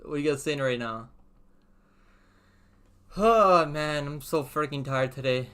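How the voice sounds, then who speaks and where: A man's voice: on the high side, unhurried, fairly bright tone, clean tone. A man hosting a casual sports livestream, talking in gym-bro slang with constant "bro" and easy swearing. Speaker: livestream host. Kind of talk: casual livestream chat and fight preview.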